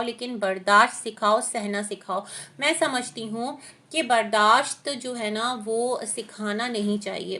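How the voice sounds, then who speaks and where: Her voice somewhat high and strained by a sore throat, this woman gives reaction commentary, laying out her views in a calm, explanatory way. She often pauses briefly while searching for words.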